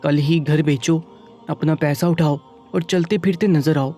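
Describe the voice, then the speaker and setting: A man voicing a proud, bitter young widowed mother in a storybook reading, with sharp, scornful retorts. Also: a little high, fairly even intonation, soft background music, natural voice.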